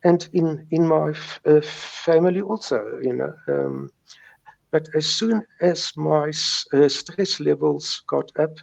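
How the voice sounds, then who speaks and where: Speaking slowly in a slightly high, gravelly, darkish voice, a middle-aged native Afrikaans speaker with a South African accent shares his story of recovering from stuttering. In this interview he stutters and repeats sounds and words.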